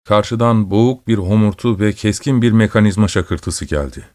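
A man narrating a story in a steady, measured storytelling voice. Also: fairly low pitch, no echo, clean studio sound. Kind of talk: scripted narration.

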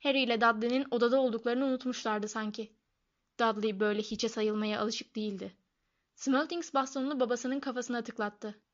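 Lady reading a novel out loud, kinda higher voice, muffled lo-fi sound. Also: fairly even intonation, fairly quick. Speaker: audiobook narrator. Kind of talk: scripted narration.

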